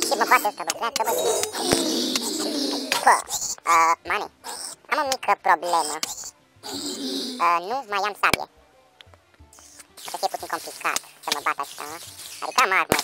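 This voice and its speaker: Man, let's-play commentary, excitable, swears and yells at enemies, loud game music behind. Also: a little high, poor audio. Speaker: gaming channel host.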